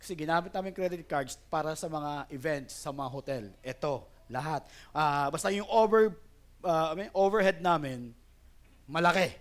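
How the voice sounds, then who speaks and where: Filipino accent, man, middle-aged, preaching, high voice, lively storytelling. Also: normal speed. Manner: Taglish sermon, storytelling with rising excitement. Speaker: pastor. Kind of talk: sermon.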